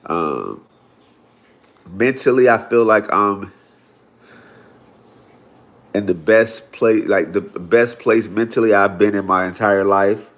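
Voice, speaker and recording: A Floridian livestream host in his forties chats loosely with viewers, full of "y'all" and "right?". His voice is on the low side and a bit bright, slow with long pauses.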